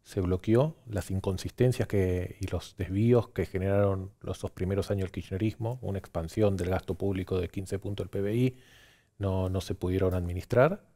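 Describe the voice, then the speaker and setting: Guest analyst, male, Argentine, lowish mellow voice, fluent and listing points. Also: steady tone, normal speed. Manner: fluent, lists points one after another. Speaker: pollster guest. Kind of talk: political analysis on TV.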